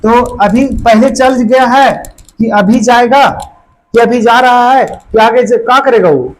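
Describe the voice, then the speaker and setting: A man's voice: very high voice, a little slow, a little hiss or hum, poor audio. A man teaching a grammar lesson to a classroom of students, drilling them with constant questions in a colloquial, repetitive way.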